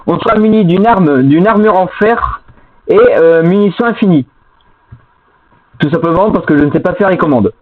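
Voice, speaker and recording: A man's voice: high-pitched, animated, normal speed. A man in casual gaming chat, explaining rules in a rambling, self-correcting way, his voice half robotic and lagging through a bad microphone. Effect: half-robotic, glitchy lagging voice from a bad mic. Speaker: co-player explaining game rules. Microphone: cheap headset or desk mic. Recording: tinny, lo-fi cheap microphone.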